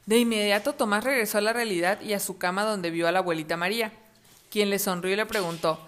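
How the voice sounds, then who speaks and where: A woman reading a story aloud to children in a gentle, expressive way and asking them questions. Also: mid-range voice, fast.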